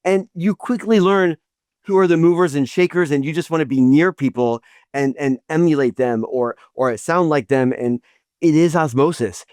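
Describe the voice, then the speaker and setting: A middle-aged man hosts the conversation in a somewhat high voice, recorded dry and near. He talks admiringly, often stopping to restart his sentences. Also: a little mellow, no room sound. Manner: admiring, with frequent restarts and filler words. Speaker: podcast host. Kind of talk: interview conversation.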